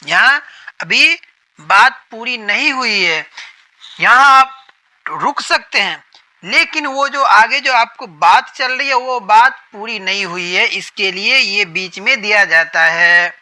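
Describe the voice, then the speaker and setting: Heard through a low-quality recording, a man with a high, sharp voice gives a lesson on reading the Quran, restating each point and asking questions he then answers.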